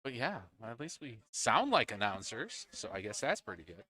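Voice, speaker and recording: Lively, bright-voiced male pool commentator. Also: medium pitch, moderate pace. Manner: chatty, talks to co-commentator between shots. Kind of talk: live play-by-play commentary. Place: indoors at a pool league venue.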